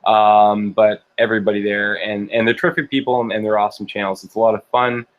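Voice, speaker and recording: A man's voice: lowish voice, little pitch movement, fast, phone-quality sound. A man hosting a livestream interview, talking hesitantly with many ums and uhs as he wraps up questions. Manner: hesitant, filler-heavy. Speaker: host.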